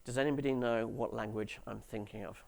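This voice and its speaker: A man speaking from a conference stage, his voice gravelly with vocal fry at a middling pitch. He delivers his talk to developers with dry, sarcastic humour, often throwing questions to the audience. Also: fairly even intonation, brisk.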